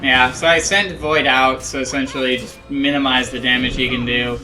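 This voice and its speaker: A man's voice: mid-range voice, steady tone, moderate pace. A young man giving casual, self-critical commentary over his own match footage, rambling with lots of ums and likes, drowsy and yawning. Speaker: gameplay analyst.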